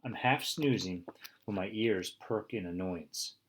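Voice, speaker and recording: A man narrating a children's storybook in first person, expressive with bursts of excitement. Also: fairly low pitch, measured pace, slight background noise. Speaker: audiobook reader.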